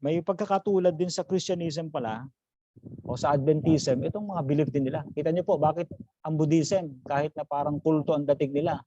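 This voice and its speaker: Teaching an online class over a video call, a pastor mixes English phrases into his speech, addresses listeners as brothers and sisters, and quizzes them. His voice is a little high, fairly quick and dark in tone. The video call audio is dry, dull and lo-fi.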